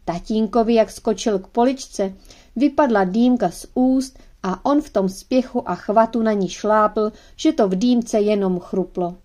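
A woman narrating a children's audiobook in a gentle, measured storytelling manner. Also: mid-range voice.

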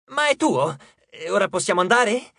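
A man doing a tiny, squeaky mischievous dwarf who whines in a high, shrill voice that leaps up and down. The audiobook sound is close and dry, with no room around it. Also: sing-song, normal speed, gravelly, sharp tone, no echo, heavily acted. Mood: whiny.

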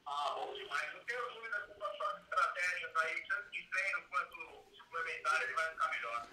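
A man's voice: a little high, brisk, pushed and bright, low-quality recording. A man heard over a phone on speakerphone, talking in a laid-back, joking way in a casual call.

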